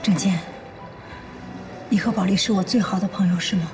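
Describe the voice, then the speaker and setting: An actress playing a worried wife who pleads anxiously with a friend for help. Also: female voice, medium pitch, fairly even intonation, moderate pace, over music, lightly acted. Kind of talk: TV drama acting. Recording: clear background noise.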